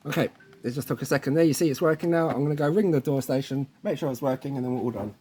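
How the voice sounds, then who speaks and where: Rapid-fire delivery, a medium pitch, a warm tone and a breathy edge mark this male tutorial presenter. He leads a casual hands-on tech installation video and keeps checking in with the viewer.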